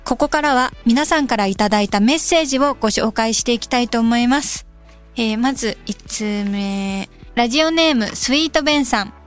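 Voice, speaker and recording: A young adult woman from Kansai hosting a radio show, reading listener mail and musing aloud in a relaxed, casual way. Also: a little high, a little fast, clean tone. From Kansai, Japan. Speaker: radio host. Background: soft background music.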